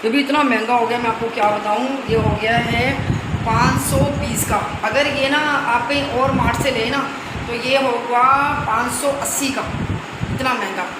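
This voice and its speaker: Chatty high-voiced woman vlogging. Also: moderate pace, roomy sound, very noisy. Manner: chatty and animated, retelling arguments. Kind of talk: casual home vlog chat. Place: rented home, indoors.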